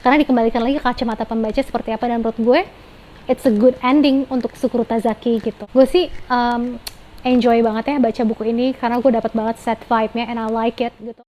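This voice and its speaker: A woman's voice: a little high, fairly even intonation, fast talker, mellow, rough recording. A young woman giving a casual, chatty book review, slipping English phrases into her slang.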